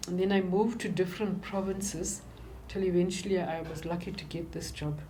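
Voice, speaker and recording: An older woman with a South African accent, speaking in a halting, reflective way as she recounts her life and work in an interview. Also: on the low side, steady tone, warm tone, a little hiss or hum.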